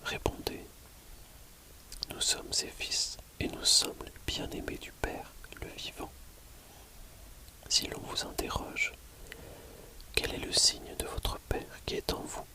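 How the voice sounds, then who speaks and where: ASMR audiobook reader: library whisper throughout, very slow, measured phrasing. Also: low-quality recording. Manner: measured, pausing between short phrases.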